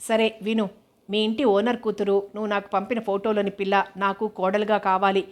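A calm, firm middle-aged mother in a storybook reading, quiet and measured, as a woman narrator puts her on. Her voice keeps a flat, even line. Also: medium pitch, natural voice.

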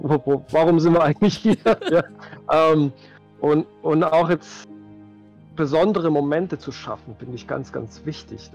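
The voice belongs to a game master in his forties on a home video call, thinking out loud in a casual interview and repeating words as he gropes for them. It sits on the high side, creaky and a little mellow, with the highs cut off and background music playing.

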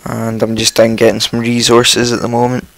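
A man with a croaky morning voice, casually commentating his own game, rambling and chatty with frequent ums and self-corrections. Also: mid-range voice, completely flat delivery, moderate pace, dry recording, low-quality recording. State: just woken up, morning voice. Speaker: let's play host.

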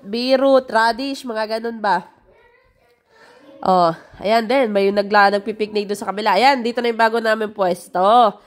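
A middle-aged woman from the Philippines, chatting through a casual vlog voice-over of a family picnic, full of exclamations. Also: mid-range voice. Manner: chatty, exclamatory, lots of "ay" and "o, tingnan nyo". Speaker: vlogger narrating family picnic video.

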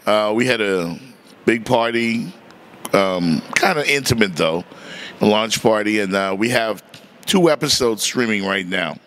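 A middle-aged man with a fairly low voice chats easily in an interview. He is a sports reporter with a laid-back, chuckling way of talking. He speaks into a handheld mic in a bright room. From Miami, family from the Bahamas. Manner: easygoing, chuckling, drawn-out fillers. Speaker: sports reporter and podcast host. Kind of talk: casual interview. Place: bright indoor room by large windows.

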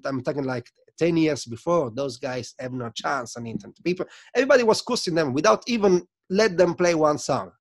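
An animated Italian guest in his thirties, a sound system selector, tells stories in a casual interview, gesturing as he talks and using non-native phrasing. His voice is fairly high. He's on a video call through a desk mic in a home studio room lined with record shelves.

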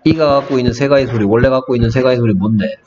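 A man's voice: medium pitch, very fast. A man tutoring English phonics one-on-one, quizzing his student on letter sounds. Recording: dull lo-fi audio with music.

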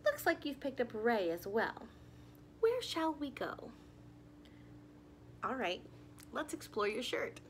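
In her living room, a young woman reads a picture book to small kids, her fairly high voice swinging up and down with animation. She takes it slowly, leaving long pauses, and addresses her young audience directly in expressive storytime fashion. There's slight background noise.

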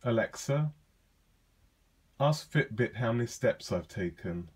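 A man casually demonstrating a voice assistant, talking in a relaxed, chatty way with lots of ums and uhs. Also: mid-range voice, takes it slowly, husky. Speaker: tech vlogger demonstrating a device. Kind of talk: casual spoken demo.

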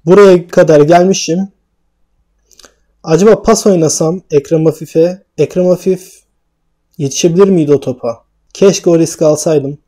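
A man commentating his own football video game match, shouting and groaning at chances, then calmly recapping standings at night at home. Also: on the high side, normal speed, long pauses. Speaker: gaming YouTuber. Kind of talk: excited gameplay commentary.

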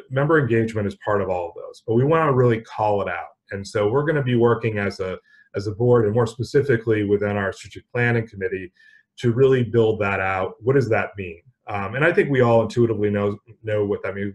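A man giving town hall remarks in a halting way, often repeating words and restarting sentences. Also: lowish voice. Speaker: executive director.

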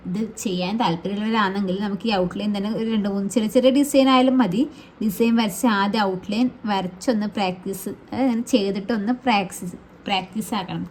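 Fast-talking woman teaching fabric painting. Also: mid-range voice, darkish tone, slight background noise. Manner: chatty, reassuring, adds tag words to sentences. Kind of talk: casual how-to tutorial.

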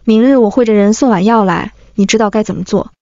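A woman voicing a scheming young empress who asks slow, cold questions, in an audiobook. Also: medium pitch, dark tone, no echo, lightly acted. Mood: cold probing. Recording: dry, dull lo-fi.

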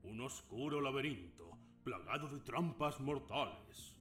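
A theatrical old keeper of a labyrinth in a video game, given to grand solemn pronouncements. His pitch swings widely while his voice stays at a middling height. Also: animated, measured pace, fairly bright tone. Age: older. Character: eccentric old man, self-styled lord of the labyrinth.

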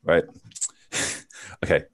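A man with a gentle Bristol accent, a maths teacher chatting over a video call and walking through card tricks with self-deprecating jokes. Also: drawn-out words, no echo. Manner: self-deprecating, jokey, chatty with frequent ums. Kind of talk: casual chat and card trick demonstration.

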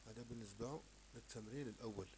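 A man's voice: mid-range voice, racing, music in the background, rough recording. A man teaching a French primary lesson in Arabic with an Algerian accent, repeating words and sounding out letters patiently.

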